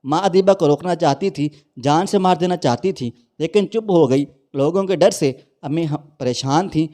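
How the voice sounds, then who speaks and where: A man narrates a dramatic moral story in an emotional, preachy way. His voice sits a little high but sounds mellow and soft.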